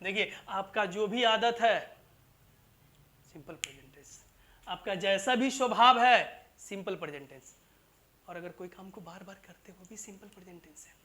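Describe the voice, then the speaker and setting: Bright-voiced teacher. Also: mid-range voice, normal speed. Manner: repetitive, keeps asking "clear?" and calls students "babu" and "bhai". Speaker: English teacher. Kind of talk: classroom grammar lesson in Hindi.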